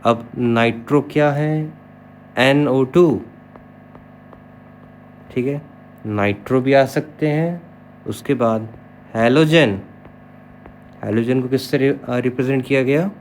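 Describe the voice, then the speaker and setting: A man's voice: medium pitch, slow pace, pauses often, slight background noise. A man teaching an online chemistry lesson, who spells terms out letter by letter and keeps checking in with his students. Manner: explanatory, checks in with repeated "okay".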